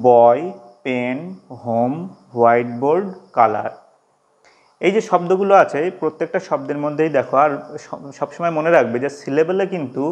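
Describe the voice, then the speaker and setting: Man, English teacher, slow classroom explaining, crickets chirping faintly behind. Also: mid-range voice, highs cut off. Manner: slow, repetitive, stretches out example words.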